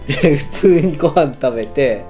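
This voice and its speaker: A man's voice: a little high, lively intonation, moderate pace, dark tone. A young man chatting casually as he tells a story, often chuckling, with music playing behind him. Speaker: husband and father co-hosting a couple's chat. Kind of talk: casual chat, telling a story from their dating days. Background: background music.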